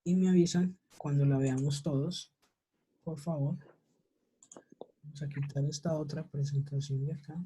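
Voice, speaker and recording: A woman with a low, dark voice and a breathy edge teaches English over a video call, keeping her intonation fairly even at a moderate pace with long pauses. She stays patient and frequently repeats questions to check understanding in this online class.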